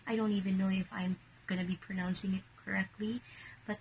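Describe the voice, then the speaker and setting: A Filipino woman in a casual vlog, showing and selling secondhand bags in a hushed, half-whispered voice. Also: medium pitch, flat delivery, brisk, a little hiss or hum, poor audio. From Philippines.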